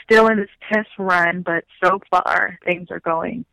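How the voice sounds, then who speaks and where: A woman heard over a phone line as a podcast guest. Her voice is bright and sharp, with a dry sound and no room echo. She talks in a measured way, laying her points out one by one. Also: lowish voice, steady tone, vocal fry. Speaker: interview guest.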